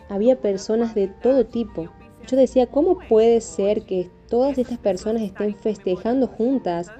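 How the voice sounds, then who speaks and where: Woman preaching in a dark, mellow voice. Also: medium pitch, muffled recording. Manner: earnest storytelling, acts out dialogue. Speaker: preacher giving testimony. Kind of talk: spoken testimony of a vision. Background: faint music.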